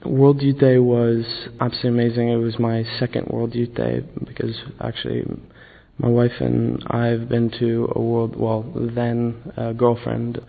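A man's voice: mid-range voice, completely flat delivery, normal speed, vocal fry, narrow, tinny audio. A man in his twenties recounting a pilgrimage in casual testimony, hesitant with many fillers and restarts. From born in the USA, raised in the Caribbean and Poland. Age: 20s. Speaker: pilgrim interviewee.

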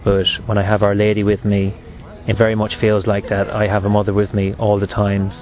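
A man in his thirties with a west of Ireland accent, a seminarian giving a personal faith testimony in a halting, reflective way. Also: fairly low pitch, monotone, a little mellow, highs cut off. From Galway, west of Ireland. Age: 30s.

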